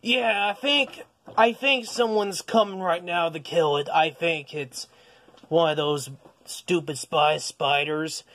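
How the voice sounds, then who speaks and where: A man's voice: on the high side, slow pace, a bit bright. A man voicing Vegeta, a proud, hot-tempered alien warrior, in a casual improvised toy-figure video, rambling, swearing and stammering. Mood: excited. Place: basement.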